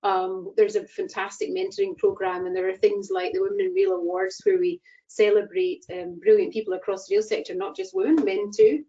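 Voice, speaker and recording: A woman's voice: mid-range voice, big pitch swings, fairly quick, dark tone. A woman with a Scottish accent giving a short, friendly, chatty introduction with ums as chair of a network. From Scotland. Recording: dull lo-fi call audio.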